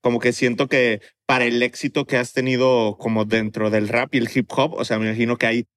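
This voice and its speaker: A man's voice: medium pitch, level tone, brisk. Male interviewer, Mexican accent, medium voice, casual and roundabout.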